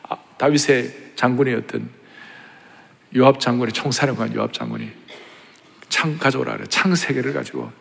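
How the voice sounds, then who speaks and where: A man preaching a sermon with a high, gravelly voice, caught by the long reverb of a large church sanctuary. He tells the story dramatically, dropping to hushed tones and rising to shouts. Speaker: pastor.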